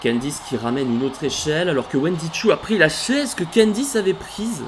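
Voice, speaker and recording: A man calling a wrestling video game match play by play, animated, bursting into shouts at big moves and stopping to correct himself. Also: on the high side, normal speed, slight background noise. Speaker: let's play commentator. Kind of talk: excited play-by-play game commentary.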